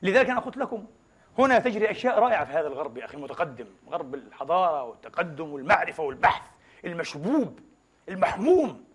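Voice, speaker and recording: A man's voice: on the high side, very animated, very fast, breathy edge. A man preaching a Friday sermon. He asks the congregation many rhetorical questions and mixes formal with colloquial dialect and foreign words.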